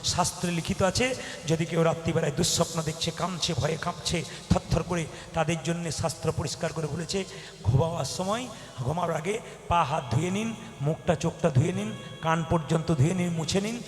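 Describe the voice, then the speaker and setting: A man preaching a devotional kirtan sermon on a stage microphone, animated and exhorting, sometimes rising to loud exclamations. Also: a little high, brisk. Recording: echoey hall with faint music.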